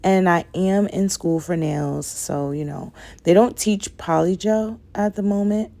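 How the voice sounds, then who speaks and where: Her voice is low and mellow, roughened a little by a cold, and she keeps a measured pace. A young nail vlogger, she gives a chatty voice-over of her nail work in a wandering way, peppering it with "like" and "guys."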